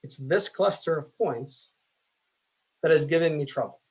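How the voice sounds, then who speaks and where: A man teaching statistics in a casual, self-deprecating way, with many fillers, his voice going hoarse. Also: fairly high pitch, unhurried, poor audio. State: losing his voice. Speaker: statistics instructor. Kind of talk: screen-share lecture.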